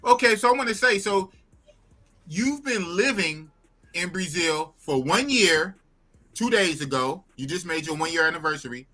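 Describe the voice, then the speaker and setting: A man's voice: high voice, lively intonation, normal speed, sharp tone. A man in his fifties hosting a casual chat, asking loose questions in a slangy, repetitive way. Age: 50s. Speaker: host.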